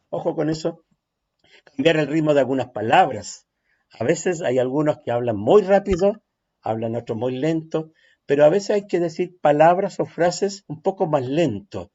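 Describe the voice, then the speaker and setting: Mellow-voiced middle-aged man, an emphatic workshop teacher on a dull, lo-fi call mic. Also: medium pitch. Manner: lively, emphatic, with pauses and "¿ya?" check-ins. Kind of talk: online workshop lesson. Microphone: computer mic on a video call. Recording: dull, lo-fi sound.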